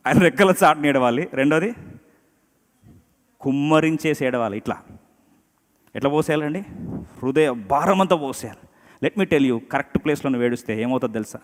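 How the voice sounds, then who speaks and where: A man preaching a sermon to a congregation, emphatic, slipping English phrases into his talk and putting questions to his listeners with humorous asides. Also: mid-range voice. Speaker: pastor. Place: church hall before a congregation. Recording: long hall reverb.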